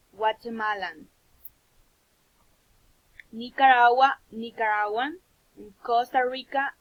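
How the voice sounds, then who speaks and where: A woman's voice: a little high, highs cut off. A woman from Honduras with a Honduran Spanish accent, teaching a recorded English lesson and explaining things in both English and Spanish. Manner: slow, patient, repeats words for pupils to copy; switches between English and Spanish.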